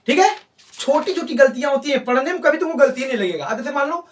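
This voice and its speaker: A man's voice: very high voice, lively intonation, fast, far from the mic. A male teacher giving a grammar lesson, coaxing his students, repeating his points and quizzing them with questions.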